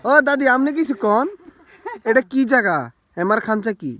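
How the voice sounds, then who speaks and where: Bright-voiced curious vlogger. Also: male voice, very high voice, normal speed. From Noakhali, Bangladesh. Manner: curious, friendly, asks lots of questions. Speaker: travel vlogger. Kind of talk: casual on-the-spot chat with locals.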